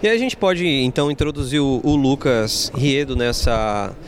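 A man moderating a panel discussion, bringing in guests with lively prompting questions. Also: mid-range voice, moderate pace, a little hiss or hum. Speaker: host, moderator.

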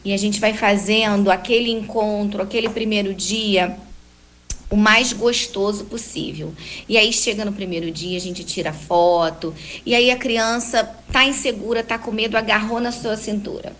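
Woman giving gentle parenting advice. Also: mid-range voice, steady tone, normal speed, low-quality recording. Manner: warm explanatory, acts out gentle talks with a child. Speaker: parenting guest expert. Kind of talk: conversational advice talk.

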